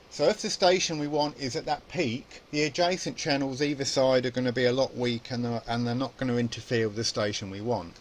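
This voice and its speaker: A man gives an informal, hands-on electronics tutorial, explaining things casually and thinking out loud as he demonstrates. His voice is medium-pitched, with a little hiss or hum in the recording.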